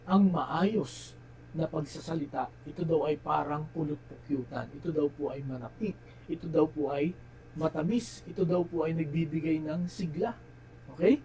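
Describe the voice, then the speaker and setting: A man's voice: vocal fry, a little mellow, rough recording. Filipino male pastor, sermon delivery, tenor-leaning voice, faint ambient noise in the recording. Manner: Tagalog-English code-switching, tag "no?" after phrases; slows and drops his voice for key phrases, rises in pitch and volume elsewhere.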